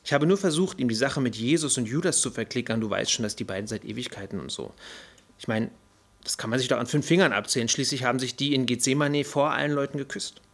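A man's voice: mid-range voice, fast talker, a bit bright. A man voicing a brash, irritable male fallen angel who rants in a flippant, indignant way. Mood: ranting. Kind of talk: audiobook character voice.

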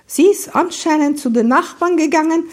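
A woman voicing a brisk, commanding older woman with a schoolmistress tone. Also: sits high, pitched above the performer's own voice, lightly acted. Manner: sharp schoolmistress tone.

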